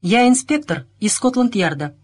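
Woman narrator plays an irate male inspector, shouting and bossy, pitched up and lively. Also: normal speed. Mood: commanding. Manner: barking, shouting orders. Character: irate male police inspector, gruff and commanding.

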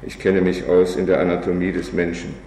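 A man reading aloud as a bitter, drunken old male revolutionary, in a flat, weary recitation. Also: low-pitched, brisk, far from the mic. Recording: echoey hall, faint background noise.

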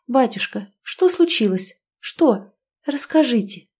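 A woman's voice: very animated, takes it slowly, darkish tone, breathy edge, full character voice. A woman doing a frantic young noblewoman. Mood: anxious. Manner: shrill, crying out in alarm.

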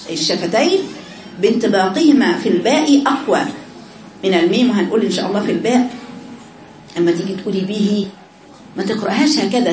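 A woman's voice: on the high side, darkish tone. A woman with an Egyptian Arabic accent teaching a Quran recitation class, often repeating sounds to demonstrate them. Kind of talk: classroom lesson on pronunciation. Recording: echoey, noisy room.

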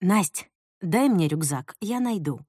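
A woman voicing a gentle, cautious middle-aged mother who speaks softly and carefully. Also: on the low side, expressive, a little slow, no room sound, clean studio sound, pitched below the performer's own voice. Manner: soft, quiet, careful.

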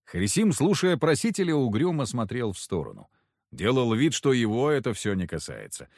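A man's voice: medium pitch, normal speed, no echo, studio quality. A man reading a first-person story aloud, narrating expressively. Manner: expressive, does character voices. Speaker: audiobook reader. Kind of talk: scripted narration.

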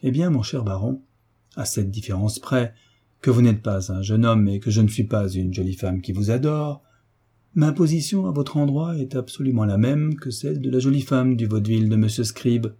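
A man voicing a sly, ironic hunchbacked marquis in an audiobook, teasing with drawn-out courtesy. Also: medium pitch, mellow, slightly rough. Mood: mocking. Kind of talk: audiobook character reading.

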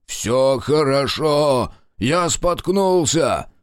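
A man's voice: medium pitch, slow pace, darkish tone, smooth, no room sound, clean studio sound, lightly acted. A man voicing a frightened young small-time criminal who pleads and stammers in a shaky voice. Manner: trembling, pleading, nervous. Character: scared small-time crook in his twenties.

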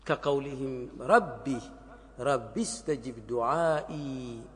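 A sheikh teaching classical Arabic grammar in a lesson. He repeats words and examples slowly for his students. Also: medium pitch, a bit bright, a little hiss or hum. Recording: long hall reverb.

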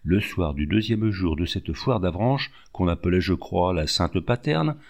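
A man reading a classic novel aloud as audiobook narration, measured and expressive. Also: deep voice. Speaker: audiobook reader.

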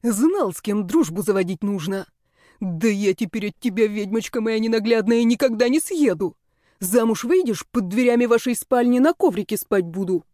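A woman's voice: medium pitch, expressive, moderate pace, dark tone, no room sound, studio quality, close to an everyday voice. A woman voicing a flamboyant, shameless male snake-man who gushes in theatrical, squealing exclamations. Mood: gleeful.

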